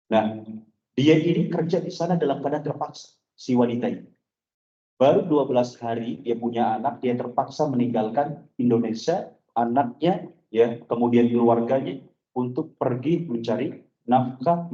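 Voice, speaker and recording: A man's voice: medium pitch, mellow. A male preacher telling a story to his congregation in a loose, chatty sermon style, talking straight to his listeners. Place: mosque hall. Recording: echoey, dull mosque recording.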